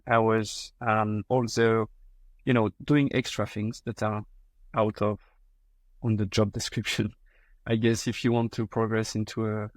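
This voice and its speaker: A mid-range voice with no echo: a man from France in his thirties, guesting on a podcast interview with a French accent. His talk is hesitant, marked by frequent fillers and false starts.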